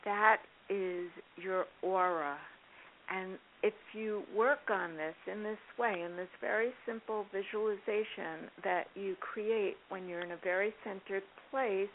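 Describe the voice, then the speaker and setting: Slow, calm woman guiding grounding, phone-like line. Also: medium pitch. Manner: slow, halting, measured instruction with pauses. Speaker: guest therapist. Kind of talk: calm guided grounding exercise. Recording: hissy, narrowband phone-like line.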